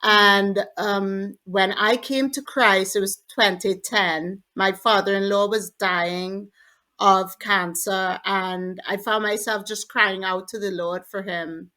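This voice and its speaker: A woman's voice: mid-range voice, fairly even intonation, slow pace, sharp tone. A woman from Trinidad, a podcast guest, earnestly telling her personal faith story in an interview.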